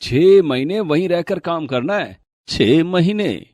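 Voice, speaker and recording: An actor voices a young married office worker in an animated moral tale, explaining things in a casual, brisk way. His male voice is fairly high-pitched, and there's no room sound at all.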